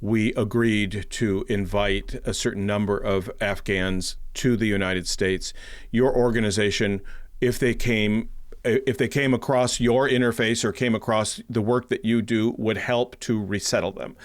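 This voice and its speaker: A man hosting an interview, asking long, conversational framing questions. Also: lowish voice. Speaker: host.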